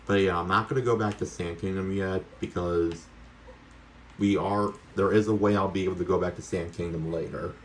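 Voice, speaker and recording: A man's voice: deep voice, fairly even intonation, normal speed, a little hiss or hum. A man giving casual, chatty, rambling gameplay commentary as a streamer talking to his viewers. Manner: casually sweary. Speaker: video game streamer.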